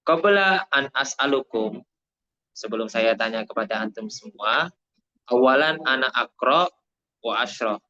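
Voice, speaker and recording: An online Arabic teacher from Indonesia speaks with a Javanese accent in a mid-range voice that is bright and forceful, with lively intonation. He slowly repeats explanations while mixing Arabic and Indonesian, and the high frequencies are cut off.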